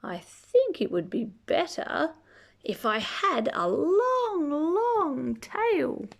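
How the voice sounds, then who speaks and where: Playful and highly animated in pitch, this woman reads a children's story slowly, drawing words out for little ones. There's some creak in her voice. She stretches her emphasis and slips in asides along the way.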